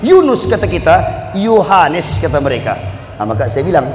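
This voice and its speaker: Lively Bugis preacher in an echoey hall. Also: male voice, fairly high pitch, faint music behind. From Bugis, South Sulawesi. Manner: lively, joking, sings Arabic verses in a drawn-out chant. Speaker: Islamic preacher. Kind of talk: sermon to a live congregation. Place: large hall at a religious gathering. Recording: echoey hall with long reverb.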